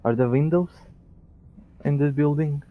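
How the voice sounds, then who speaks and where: A man's voice: on the high side, a little slow, phone-quality sound. A man playing a tabletop game who talks hesitantly, stammering with many fillers. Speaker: player. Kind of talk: tabletop role-play chat.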